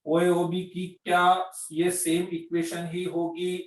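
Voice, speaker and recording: A man's voice: high voice, monotone, slow. A man teaching a maths class online, explaining patiently, repeating each point and often checking that his students follow. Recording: echoey room, mic at a distance.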